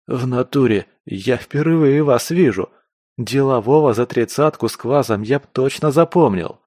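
A man voicing a frightened, hoarse young backwoods dealer who pleads and squeals in panic. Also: medium pitch, moderate pace, a little mellow, no room sound, clean studio sound, voice pushed up, close to an everyday voice. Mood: defensive.

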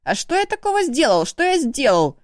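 Woman doing a shrill cocky younger brother. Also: huge pitch swings, no echo, clean studio sound. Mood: shrill protest. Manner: shrill, pleading, fast-talking.

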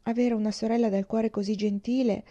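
A woman reading an audiobook voices a courteous young gentleman in her own measured, polite manner. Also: fairly high pitch, steady tone, muffled recording, lightly acted. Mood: calm.

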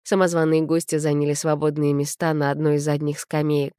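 Lady reading a story aloud, low voice, dry close sound. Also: completely flat delivery, fairly quick, mellow, clear, resonant tone, no echo. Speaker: narrator. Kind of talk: audiobook narration.

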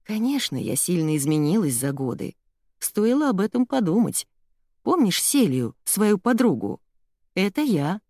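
A woman reading an audiobook, voicing a kind old grandmother who speaks calmly and gently. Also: mid-range voice, unhurried, no echo, clean studio sound, voice pushed up. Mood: gentle.

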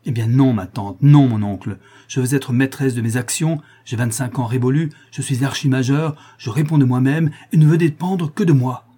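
A man's voice: mid-range voice, brisk, mellow, husky, close to an everyday voice. A man reading a storybook, voicing a proud, defiant young woman of twenty-five with a haughty, cutting manner.

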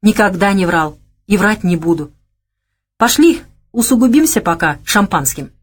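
A woman voicing a boastful, quick-tempered gangster man in an audiobook. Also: mid-range voice, lively intonation, natural voice. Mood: gruff. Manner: gruff, boastful, blustering.

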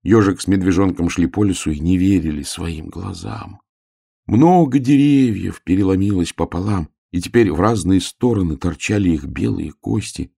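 A man reading a children's story aloud in an unhurried, softly expressive way. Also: low-pitched, vocal fry, slightly rough. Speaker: narrator. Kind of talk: scripted storybook narration.

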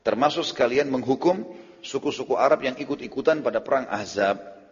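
Male preacher, husky, tells the story vividly, lo-fi hall sound. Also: medium pitch, fairly quick. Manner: animated storyteller, acts out quoted speech. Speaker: Islamic preacher. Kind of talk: sermon-style storytelling lecture. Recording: lo-fi hall recording.

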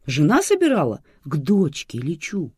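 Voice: mid-range voice, huge pitch swings, moderate pace, mellow, slightly rough, no room sound, studio quality, pitched above the performer's own voice. A reader voicing a bewildered, fatherly older man who pleads and exclaims in confusion.

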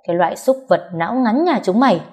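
A woman voicing a fiery, foul-mouthed young woman who shouts insults in sharp, combative bursts. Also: mid-range voice, expressive, moderate pace, close to an everyday voice. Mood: furious.

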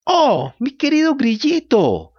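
A man's voice: huge pitch swings, normal speed, dull audio. A man voicing an eager wooden puppet boy who pleads and gets tearful, in a storybook reading. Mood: emotional. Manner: high, bright and pleading.

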